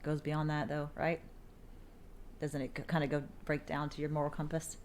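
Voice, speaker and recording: Low-voiced woman co-hosting a podcast. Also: moderate pace, slight background noise. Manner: relaxed, chatty and teasing. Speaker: podcast co-host. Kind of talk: casual podcast chat.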